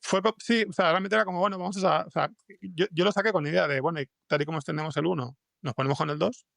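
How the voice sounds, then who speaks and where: A man from Spain, his voice on the high side, gravelly, and a bit bright, tells anecdotes as a guest on a podcast, where he writes fiction. He speaks haltingly in this conversational interview, restarting sentences often, and the studio sound is clean with no echo.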